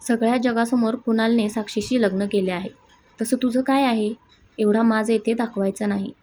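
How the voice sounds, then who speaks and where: A woman reading the lines of a stern elderly grandmother who scolds firmly, in a husky voice. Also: on the high side, steady tone, normal speed, dark tone, a little hiss or hum, close to an everyday voice. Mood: angry. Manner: scolding, firm.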